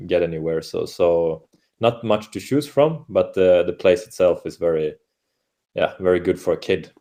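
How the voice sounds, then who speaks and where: This football coach has a low, warm voice. He's from Åland, Finland, a native Swedish speaker, and in a casual interview conversation he answers hesitantly, with lots of fillers and restarts.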